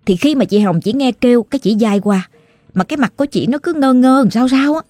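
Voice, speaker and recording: Southern vietnamese lady telling a ghost story, chatty and colloquial, mellow dark voice, dry close sound. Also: on the high side, expressive, brisk, dry recording, faint music behind.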